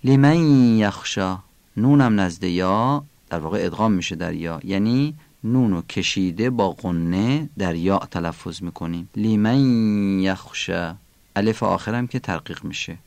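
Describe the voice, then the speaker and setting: A man teaching a Quran recitation lesson, calmly explaining pronunciation rules and slowly drawing out example words. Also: sits low, gravelly, no room sound.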